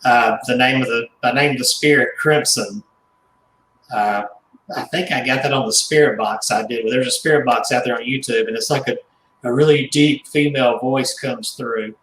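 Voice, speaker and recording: A man, a guest collector, telling stories in casual radio chat, rambling and halting with restarts and small chuckles. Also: medium pitch, fairly bright tone, roomy sound, slight background noise, rough recording. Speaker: guest, haunted doll collector and author.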